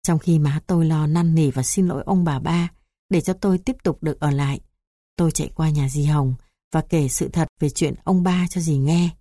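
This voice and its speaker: A woman with a Southern Vietnamese accent reading her memoir aloud in a calm, even storytelling manner. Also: low-pitched, moderate pace, no room sound, clean studio sound. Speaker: memoir narrator.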